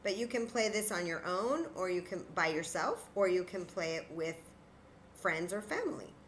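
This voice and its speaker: On the lower side and lively in intonation, a woman speaks at normal speed over a faint hiss or hum. She's a children's story time teacher running an interactive demonstration for young kids, patient and encouraging, thinking aloud as she works through it.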